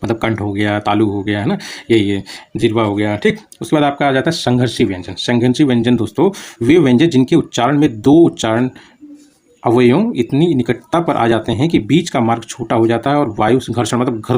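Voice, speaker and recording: A man talks through a grammar lesson at a brisk clip, with a voice of middling pitch. He asks "okay?" or adds "meaning" after almost every phrase, and he stops to sound out individual consonants as examples. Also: darkish tone. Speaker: teacher. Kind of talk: casual spoken lesson.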